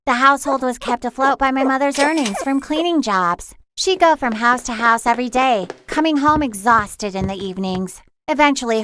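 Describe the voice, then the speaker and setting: A woman's voice: fairly high pitch, fairly bright tone. Young woman narrating her own story. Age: young adult. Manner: earnest, confessional. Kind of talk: first-person story narration.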